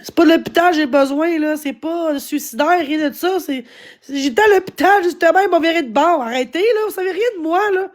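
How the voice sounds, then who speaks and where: A woman with a Québécois accent, hoarse and worn out, venting on a live stream in an agitated, pleading way that keeps repeating itself. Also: very high-pitched, fairly quick. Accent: Québécois French. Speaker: livestreamer.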